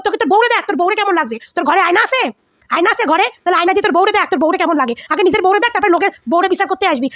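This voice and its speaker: A woman's voice: very high voice, fairly bright tone, dry recording. A woman vlogger giving heated celebrity gossip commentary, scolding and insulting with lots of repetition.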